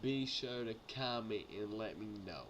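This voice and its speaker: A man's voice: fairly low pitch, unhurried. A young man vlogging while drunk, rambling casually like a rowdy party animal, with slangy, repetitive, stumbling, sweary talk. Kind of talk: rambling casual storytelling to camera. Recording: noisy amateur recording with clicks.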